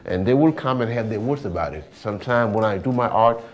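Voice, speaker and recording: A man with a Senegalese accent speaks informally as an artist in a casual interview, often repeating words and phrases. His voice is lowish and expressive, and he talks fairly quickly.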